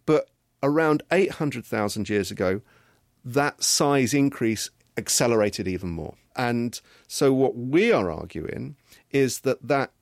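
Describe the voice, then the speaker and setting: A middle-aged man, a genetics professor, answering interview questions in a measured, explanatory way. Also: medium pitch, lively intonation, dry recording, clean studio sound.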